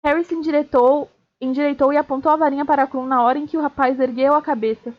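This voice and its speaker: A woman streamer reading a novel aloud, steady, with small slips and restarts. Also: high-pitched, fast. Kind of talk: live read-aloud of a novel. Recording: dull lo-fi stream audio.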